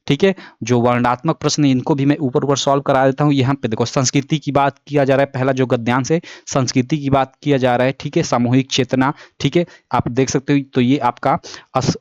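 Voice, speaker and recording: A man's voice: medium pitch, no room sound. A young man casually walking students through an exam paper, often checking in and correcting himself as he goes. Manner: casual, repeats filler checks, self-corrects. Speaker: teacher. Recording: dull lo-fi sound.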